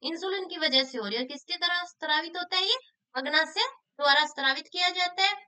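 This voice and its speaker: A woman's voice: extremely high pitch, brisk, bright, forceful tone. A woman teacher, explaining exam questions and answering her own questions. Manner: asks questions then answers them herself; repeats key answers for emphasis.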